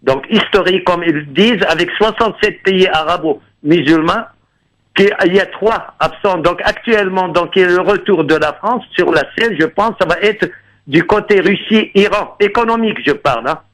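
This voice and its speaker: Rambling male radio caller, high voice. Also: normal speed, a bit bright, poor audio. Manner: rambling, digressive, earnest. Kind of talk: phoned-in political commentary.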